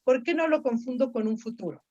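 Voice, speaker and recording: A woman's voice: high-pitched, lively intonation, fairly quick, darkish tone, highs cut off. A woman teaching Ancient Greek grammar, explaining patiently step by step and quizzing her students. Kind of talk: online grammar lesson.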